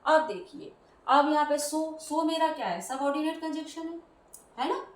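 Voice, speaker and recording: Female grammar teacher, high voice, patient step-by-step explainer, recorded in a roomy space with the mic set back. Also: moderate pace. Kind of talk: classroom grammar lesson. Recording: roomy echo, voice from a distance.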